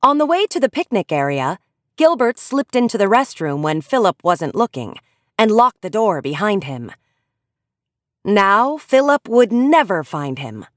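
A woman reading a children's story aloud in an expressive storytelling manner. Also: medium pitch, measured pace, dry recording, studio quality. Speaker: audiobook reader.

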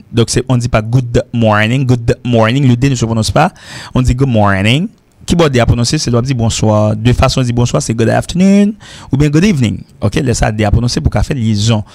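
A man's voice: medium pitch, a little mellow, no echo. A man teaching English on the radio, repeating words and checking in with "ok?" as he drills pronunciation. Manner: repetitive drilling of pronunciation, frequent "ok?". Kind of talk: radio English lesson in French.

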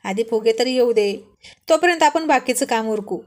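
A woman's voice: on the high side, animated, moderate pace, close to an everyday voice. A woman voicing a bossy, scheming young man who leads his friends, teasing and scolding them in a story.

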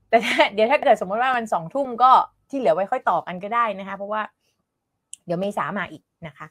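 Lively woman teaching English online. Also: mid-range voice, no room sound. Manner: chatty, laughs often, coaxes students to answer. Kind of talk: live online English lesson.

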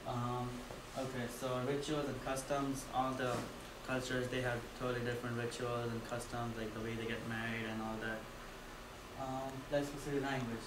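A young adult man from India gives a casual class presentation as a student, full of fillers and loose phrasing, in a flat, even, medium-pitched voice at normal speed. He's recorded by a far-off camera in a dim, roomy classroom with a projector, so the sound echoes with a steady hiss underneath.

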